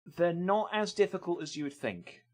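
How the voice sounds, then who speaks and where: A man's voice: sits high, big pitch swings, normal speed. A man casually reviewing games on a live stream, rambling and hesitant with lots of ums.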